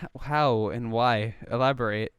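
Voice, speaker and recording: A man's voice: medium pitch, measured pace, a bit bright, clear, resonant tone, dry recording, studio quality. A young man co-hosting a casual podcast, rambling with lots of fillers and crude jokes. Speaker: podcast co-host. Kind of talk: casual chat.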